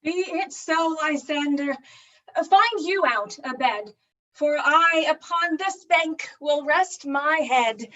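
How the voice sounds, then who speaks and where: A woman reading the part of Hermia, a modest young woman, in firm measured verse. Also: high-pitched, expressive, bright, forceful tone, highs cut off, full character voice. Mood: gentle. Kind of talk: amateur Shakespeare reading.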